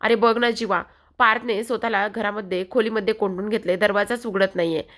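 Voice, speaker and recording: A woman's voice: mid-range voice, fairly even intonation, brisk, fairly bright tone, close to an everyday voice. Woman voicing an anxious worried mother. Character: frightened older mother worried for her son.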